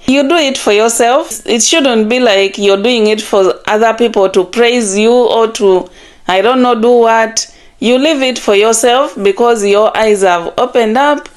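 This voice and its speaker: Female commentary host, slightly high voice, casual and conversational, loose phrasing. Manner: conversational, loosely searching for words.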